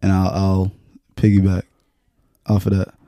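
A man co-hosting a podcast in casual chat, with a dry, teasing manner and halting restarts. His voice sits low with a gravelly fry and a dark tone. The recording is dry and close. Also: monotone, no room sound. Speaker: podcast co-host.

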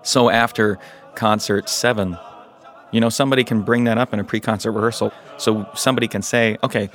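A man with a lowish voice chats informally as an interview guest. He explains in a casual, conversational style, often voicing imagined remarks as examples. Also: fairly even intonation, brisk, fairly bright tone. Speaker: touring musician, interview guest.

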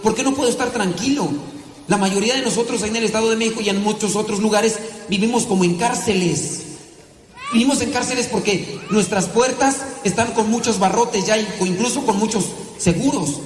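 A high-voiced Mexican priest preaching with a Mexican Spanish accent, asking rhetorical questions and laughing lightly between points. His voice rings through an echoey room with a long reverb tail. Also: brisk, a little hiss or hum. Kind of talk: sermon.

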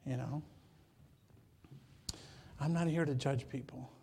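Slow and steady, a man from Michigan preaches a sermon as pastor in a medium-pitched, mellow voice, with slight background noise. He talks casually with the congregation, adds joking asides, and repeats words at the beginning of phrases.

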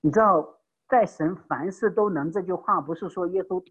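A man preaching an evangelistic sermon with passion, swinging between loud emphatic peaks and hushed low phrases. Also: normal speed, breathy edge, lo-fi sound.

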